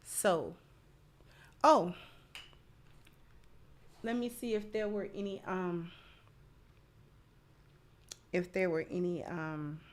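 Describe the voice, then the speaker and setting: With a steady, lowish voice, she draws out her words and leaves long pauses. She's hosting a livestream, casually chatting and commenting while warmly and effusively thanking her supporters.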